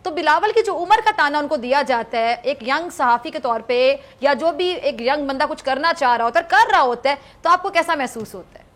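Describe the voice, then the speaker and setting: Young woman, Pakistani Urdu accent, high voice; a talk show host who politely cuts in and presses guests. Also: animated, hardly any pauses, fairly bright tone. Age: young adult. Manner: interrupts politely, presses guests with pointed questions.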